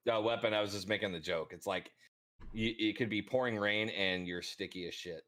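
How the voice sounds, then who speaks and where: A man's voice: lowish voice, brisk, a bit bright. A young man talking casually in a podcast chat, laid-back and profane, with lots of ums and rambling asides.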